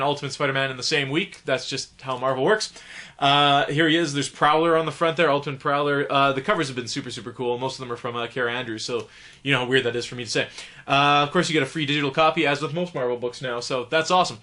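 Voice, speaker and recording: A young man with a bright, forceful voice, rattling quickly through the week's comics. He sounds a bit sick from the flu but stays eager and chatty, with plenty of "uh"s. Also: medium pitch. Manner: enthusiastic, chatty, lots of fillers. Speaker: comic book podcast host. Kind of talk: casual video review of weekly comics.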